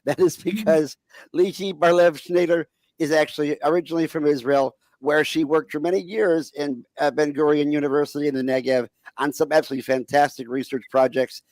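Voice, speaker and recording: A man hosts an online talk show over a video call, introducing guests and asking questions in a chatty, upbeat way. His voice has a fairly high pitch and a darkish tone, with no echo.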